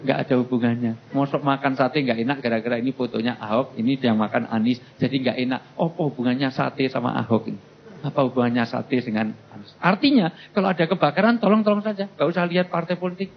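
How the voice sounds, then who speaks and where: A man giving a humorous sermon as a preacher, jokey and animated, slipping into other voices. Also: mid-range voice, fast. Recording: dull lo-fi recording with faint noise.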